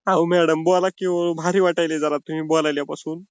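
A man's voice: on the high side, little pitch movement, a little fast, clear, resonant tone, no room sound. A man making a comic prank phone call, pleading and whining in a mock-sobbing way. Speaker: prank caller.

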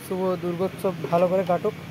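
In a noisy handheld phone recording, a young electronics repair shop vlogger with a West Bengal Bengali accent talks informally and repetitively for a casual showcase vlog in his cluttered indoor shop. He speaks fast in a high-pitched, flat voice.

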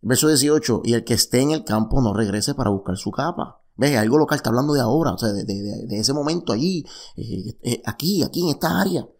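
Man, Bible study teacher, reads verses then riffs on them, mid-pitched voice. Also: a little fast, few pauses. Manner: reads verses then explains them with lively asides and repetitions.

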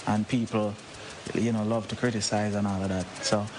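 On a noisy old interview tape, a man with a Jamaican accent chats casually with a musician for a radio interview, probing and frequently starting his questions over. He speaks at a normal pace in a lowish, flat voice.

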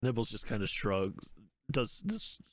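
A man's voice: on the low side, very animated, measured pace, background noise. A man acting as game master, explaining rules and narrating a tabletop game in a casual way.

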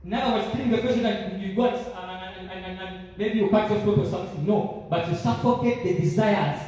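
A man's voice: high-pitched, a little fast, a little mellow. A young man preaching a sermon from a church pulpit with a handheld mic, fervent and repetitive, with frequent fillers. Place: large church sanctuary, standing at a pulpit. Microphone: handheld mic, filmed by a far camera. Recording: echoey church hall, voice from far off.

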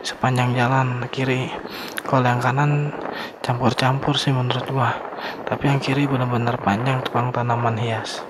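A young man talks his viewers through a motorbike ride in a flat, laid-back voice. He sounds relaxed and slangy, recorded on a camera mic on the move. Engine and street traffic noise sit clearly under his words. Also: mid-range voice, moderate pace. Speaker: motovlogger. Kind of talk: casual riding commentary. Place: riding a motorbike on town streets outdoors.

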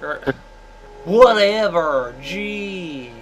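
Speaking slowly in a high, expressive voice, a host gives casual gameplay commentary, joking around and frequently exclaiming at events in the game. Background music can be heard clearly behind him.

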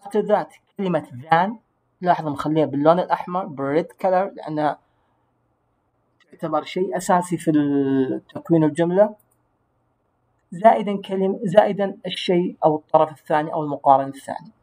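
In a slightly high, somewhat mellow voice, a male English teacher records a grammar lesson. He's patient in his explanations and takes English words slowly to pronounce them clearly.

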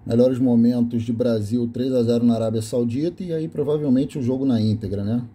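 Brisk and steady, this Brazilian man speaks in a mellow, husky mid-range voice with a Brazilian Portuguese accent. Off camera in a small indoor room, he films his VHS collection and casually lists the labels, correcting himself as he reads.

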